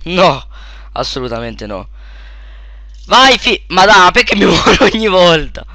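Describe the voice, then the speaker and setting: Excitable young man yelping over a game. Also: slow, no echo, studio quality. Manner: excitable, yelps and shouts at in-game deaths, then mutters low. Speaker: let's play gamer. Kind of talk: casual gameplay commentary.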